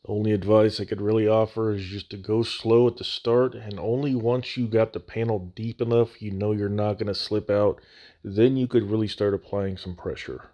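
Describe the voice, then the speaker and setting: A man's voice: fairly low pitch, fairly even intonation, normal speed, dark tone, lo-fi sound. A man narrating a hands-on hobby tutorial in a casual, folksy, plain-spoken way, recorded on a slightly echoey phone mic. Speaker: host of a scale model building channel. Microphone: phone microphone.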